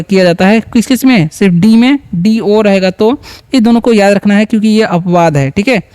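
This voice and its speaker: A man's voice: sits high, darkish tone, clean tone. A man from India teaching beginners to read English, patient and repetitive, often quizzing the viewer. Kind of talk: spoken lesson.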